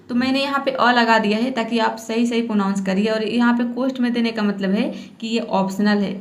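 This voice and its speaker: A woman teaching English pronunciation rules, patiently repeating each example word. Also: mid-range voice. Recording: echoey room.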